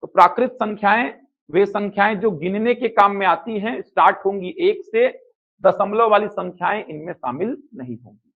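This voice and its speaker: A man's voice: high voice, normal speed. A man teaching a live online math class, who asks questions and answers them himself, with a Chhattisgarh Hindi accent. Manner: repetitive, asks and answers his own questions. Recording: tinny phone-like sound.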